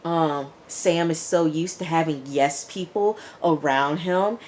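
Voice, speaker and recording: A woman with a low-pitched, slightly mellow voice speaks slowly over slight background noise. As a TV show reviewer, she gives a chatty, opinionated reality TV recap, acting out quotes along the way.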